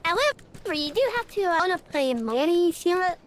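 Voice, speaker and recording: A woman's voice: extremely high pitch, sing-song, moderate pace, a little hiss or hum. A streamer in casual, rambling chat with many fillers, her voice run through an AI voice changer. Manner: rambling, chatty, frequent fillers.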